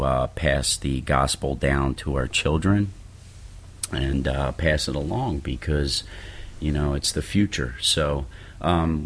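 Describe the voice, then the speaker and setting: A man hosting a podcast, talking casually about faith in a loose, rambling way and often checking in with his listeners. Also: extremely low pitch. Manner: loose, rambling, often says okay and you know. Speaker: podcast host. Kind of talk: casual religious podcast talk.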